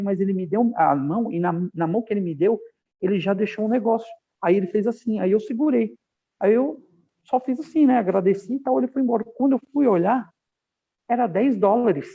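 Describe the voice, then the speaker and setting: Male guest from Brazil, gravelly and husky, high-ish voice, animated storyteller, tinny phone-like line. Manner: animated storyteller, acts out quoted dialogue. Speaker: podcast guest, aviation professional. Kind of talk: casual interview storytelling.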